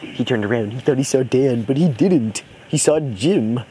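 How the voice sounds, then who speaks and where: A man improvises a comic horror story for friends, jokingly imitating a cartoon parody character's voice and stumbling over repeated words and phrases. His medium-pitched voice is warm, with lively intonation and a moderate pace. It's a noisy amateur home recording.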